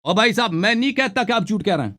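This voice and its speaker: A man's voice: high-pitched, animated, a bit bright. A man hosting a heated call-in debate, insistent and repeating his demands while talking over the caller. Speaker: host.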